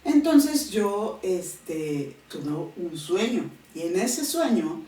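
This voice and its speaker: A woman's voice: lowish voice, very slow. Emotional woman telling her story, roomy echo. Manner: expressive storyteller, voices quoted family. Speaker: interview guest. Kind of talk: emotional personal testimony. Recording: echoey room, mic at a distance.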